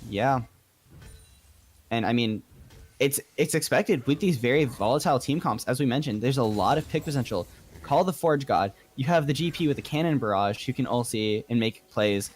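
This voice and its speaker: A man calls the action of a live video game match as play-by-play commentator, getting excitable in the big moments. His voice sits in the mid-range and he talks at a moderate pace.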